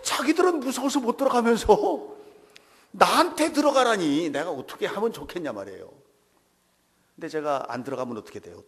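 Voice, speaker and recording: A male pastor delivers a sermon in a church sanctuary, telling stories with theatrical flair. His voice sits high for a man and leaps widely in pitch. He drops to near-whispers for suspense, then bursts into loud exclamations. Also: gravelly. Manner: dramatic storytelling preacher, swings from hushed to shouting.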